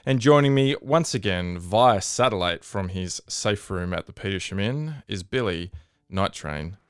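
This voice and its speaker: Low, smooth-voiced man hosting a podcast. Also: lively intonation, a little slow. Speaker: podcast host. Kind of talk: casual bantering chat.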